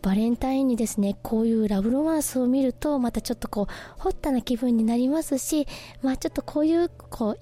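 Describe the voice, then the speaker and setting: A woman hosting a radio show, talking casually about films and reading listener messages with lots of soft fillers. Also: a little high. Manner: chatty, many soft fillers. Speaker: radio host.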